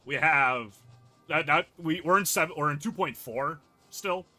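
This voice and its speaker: A man's voice: a little high, measured pace, pushed and bright, faint music behind. A man co-streaming a game, casually explaining what comes next in a laid-back way. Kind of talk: casual gameplay chat.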